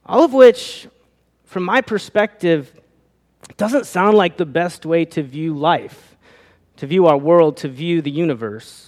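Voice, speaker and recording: A man's voice: a little high, takes it slowly, darkish tone. A pastor preaching a sermon, asking his listeners rhetorical questions, his voice rising and falling. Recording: long reverb of a hall.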